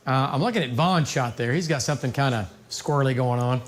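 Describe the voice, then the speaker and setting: Over noticeable background noise, an American man at medium pitch anchors live severe weather coverage. He speaks quickly and off the cuff, folksy and emphatic, repeating phrases to drive them home.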